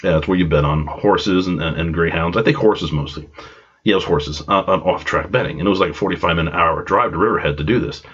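A podcast host from Long Island, New York, congested with a cold, tells a rambling, self-deprecating story full of side tangents. His low voice is fast, a bit bright, and breathy, captured on a dull lo-fi home recording.

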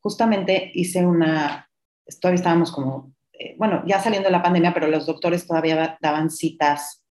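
A woman's voice: on the low side, brisk, a little mellow. Candid middle-aged woman, roomy sound. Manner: reflective, confessional, mixes in English words. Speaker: podcast host. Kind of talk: candid personal storytelling. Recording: roomy echo.

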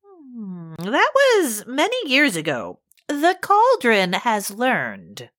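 A woman's voice: on the high side, huge pitch swings, slow pace, fairly bright tone, no room sound, studio quality, exaggerated voice. A woman playing a prim, haughty shop mistress. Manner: stiff, formal, haughty diction. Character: prim, formal woman who runs a potion shop. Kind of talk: audio drama acting.

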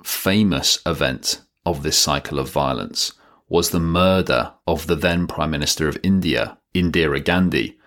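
A man's voice: a bass voice, unhurried, fairly bright tone. A man narrating an educational history explainer, with wry, dry joking asides. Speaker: educational video presenter.

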